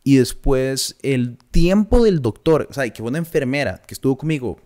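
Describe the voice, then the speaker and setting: Young costa rican guy on a podcast, animated story, does the voices, laughs a lot. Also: mid-range voice, moderate pace. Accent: Costa Rican Spanish. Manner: animated anecdote-telling, acts out quoted voices, laughs often. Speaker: podcast co-host. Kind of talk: casual chat, storytelling.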